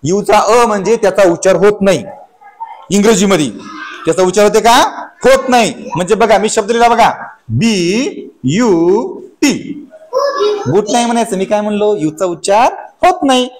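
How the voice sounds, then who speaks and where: A woman's voice: mid-range voice, fairly quick, darkish tone, a little hiss or hum. A woman teaching a primary school class in a classroom. She quizzes the children with call-and-response questions and spells words out letter by letter.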